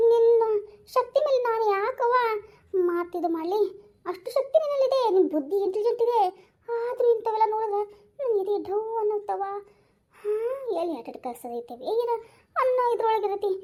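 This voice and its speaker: A woman voicing an anxious, loving older mother who pleads in a high, quavering voice. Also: animated, brisk, mellow. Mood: fretful. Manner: high-pitched, pleading and fretful.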